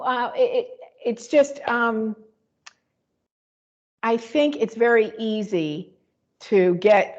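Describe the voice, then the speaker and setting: A woman's voice: fairly high pitch, lo-fi sound. A woman co-hosting a spiritual talk show, reflecting aloud in a rambling way with many fillers and restarts. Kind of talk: casual spiritual conversation.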